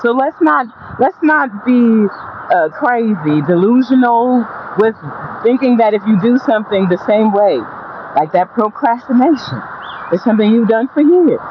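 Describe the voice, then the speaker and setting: Out on a walk, a motivational vlogger speaks in an animated, mid-range voice at moderate pace, offering casual, profane straight talk that's blunt and emphatic. Repeating phrases drives the points home. The recording is dull lo-fi with faint background noise.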